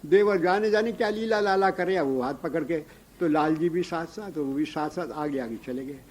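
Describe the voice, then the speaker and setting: A man narrating a devotional story in a lively way, breaking in with devotional calls. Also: fairly high pitch, normal speed.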